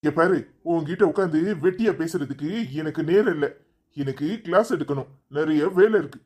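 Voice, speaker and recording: A man playing a husky, scolding young husband. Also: a little high, brisk, darkish tone, lightly acted. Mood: angry. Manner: harsh, scolding, dismissive. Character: angry stubborn young husband, college lecturer. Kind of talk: cartoon story voice acting.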